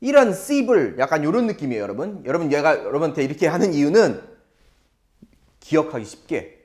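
A man with a Korean accent teaching an English lesson, drilling phrases slowly and explaining with animated delivery. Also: fairly high pitch.

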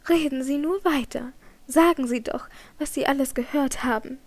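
In an audiobook, a woman reads a troubled young singer, tense and trembling under pressure. Her voice sits fairly high and carries a brittle edge. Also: moderate pace, lightly acted. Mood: tense defensive. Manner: tense, trembling, icy at times. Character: young female opera singer, troubled and evasive. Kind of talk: audiobook character reading.

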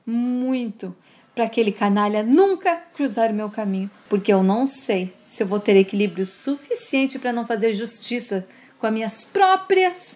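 Agitated man swearing revenge, read by a woman narrator, higher voice. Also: darkish tone. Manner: agitated, vengeful. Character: distraught middle-aged man, enraged at a villain.

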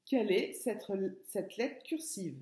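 A woman teaching young children in a recorded lesson, drawing out syllables slowly and clearly. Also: medium pitch, very animated, a little mellow, reverberant. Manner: slow, drawn-out syllables for children. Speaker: kindergarten teacher.

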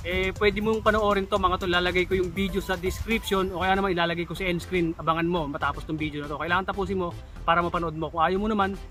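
A man's voice: high voice, fairly even intonation, quick pace, bright, forceful tone, soft background music. A man in his thirties from the Philippines giving casual advice in a vlog, chatty, with emphatic warnings and a habit of calling his viewers "tol". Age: 30s. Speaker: vlogger giving job interview tips.

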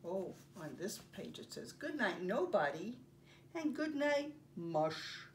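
In a carpeted home living room, an older woman hosts story time for young children, reading aloud and demonstrating a craft in simple, deliberate phrases with pauses. Her medium-pitched voice is very animated. The camera sits a few feet away, giving a distant sound with faint room noise.

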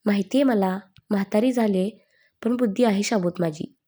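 A woman voicing a sharp-tongued, doting old grandmother who scolds and teases in a mellow storytelling voice. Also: on the high side, moderate pace, natural voice. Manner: teasing, scolding.

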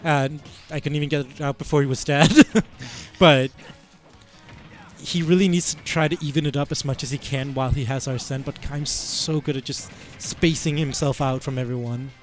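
A man's voice: mid-range voice, steady tone, normal speed, soft background music. A man giving casual, rambling commentary on a fighting game match through a headset, laughing often. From Iceland. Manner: giggly, rambling, playful. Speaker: esports commentator.

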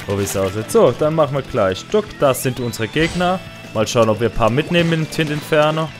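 A man giving casual, excitable commentary while playing a video game online, with sudden loud high outbursts. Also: brisk. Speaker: gaming let's player. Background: faint game music.

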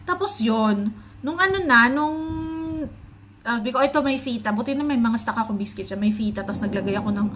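A woman's voice: on the high side, a little fast, a bit bright, slight background noise. A young Filipina mother from the Philippines, pregnant, chatting casually in a home vlog and retelling a story with quoted dialogue. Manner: chatty, mixes Tagalog and English, retells her own quoted words. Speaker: vlogger, stay-at-home mom.

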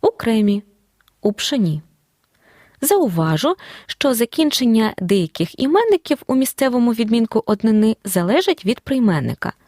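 A woman teacher giving a scripted audio grammar lesson, explaining rules clearly and deliberately. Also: fairly high pitch, sing-song, darkish tone, no echo, clean studio sound. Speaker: Ukrainian language teacher.

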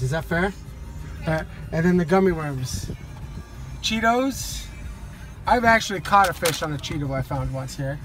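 A father in his forties narrates a fishing vlog into a phone camera held at arm's length, first inside a parked car and then outdoors on a river dock. His voice is high-pitched against a noisy background, and he rambles in a relaxed way with many ums.

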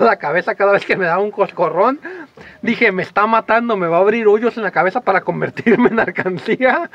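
A man's voice: sits high, muffled recording. A man, animatedly telling a personal story to the camera in a casual vlog, acting out voices. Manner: animated, acts out voices and shouts in his stories. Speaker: vlogger.

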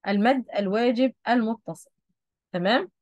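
A woman's voice: a little high, normal speed, darkish tone, no room sound, lo-fi sound. Woman with an Egyptian accent teaching. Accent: Egyptian Arabic. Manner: patient, repeats key points, checks understanding. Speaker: Quran recitation teacher. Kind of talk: explaining a lesson at a board.

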